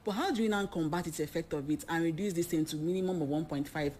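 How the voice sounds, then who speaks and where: A woman's voice: sits low, fast talker, warm tone, slight background noise. A woman guest explaining on a talk show, emphatic and fond of rhetorical questions. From Nigeria. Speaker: expert guest.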